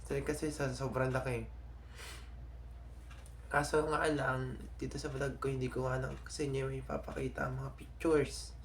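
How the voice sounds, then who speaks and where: A young Filipino man vlogging to his subscribers in a casual, halting way, often stopping to restart and correct himself. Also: mid-range voice, little pitch movement, a little hiss or hum. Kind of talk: casual vlog talk to subscribers.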